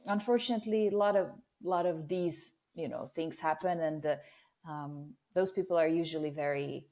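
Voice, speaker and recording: Casting: woman from Serbia's Vojvodina, low voice, hesitant and filler-heavy interview guest. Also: normal speed, mellow. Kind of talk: casual interview chat.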